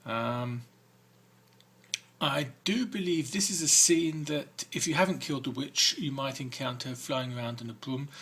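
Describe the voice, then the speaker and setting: Slow, gravelly man narrating a game. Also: medium pitch, sharp tone. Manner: reads game text aloud, hesitant with fillers. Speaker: let's-play host. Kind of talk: game walk-through commentary.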